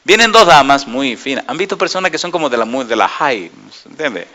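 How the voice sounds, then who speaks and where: A male preacher with a bright, sharp voice tells stories from the pulpit. He keeps asking the congregation questions and shifts between loud calls and quiet, hushed asides. His pitch sits in the middle range. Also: fairly quick. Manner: lively storytelling with questions to the audience. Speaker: pastor. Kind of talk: sermon.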